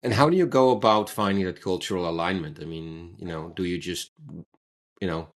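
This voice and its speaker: A man hosting a conversation, working his way through long questions and rephrasing as he goes. His voice is very low and deep, with an easy, unhurried delivery. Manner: searching, rambling questions. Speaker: interviewer, host. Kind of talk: conversational interview.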